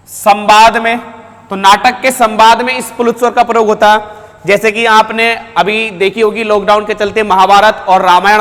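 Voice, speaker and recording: A man with a high voice lecturing a class on grammar. He asks a question, answers it himself, then repeats the key term to drive it home. The recording carries a long reverberant tail from the room. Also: a bit bright. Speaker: Hindi teacher.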